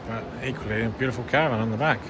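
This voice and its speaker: A man chats casually as he wanders a large indoor museum hall, exclaiming over what he sees. His voice sits in a middle pitch and is caught on a handheld camera mic, with clear background noise all around. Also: racing. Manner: enthusiastic, exclamatory remarks while walking. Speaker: vlogger. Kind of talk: casual museum walkthrough commentary. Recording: noisy handheld museum recording.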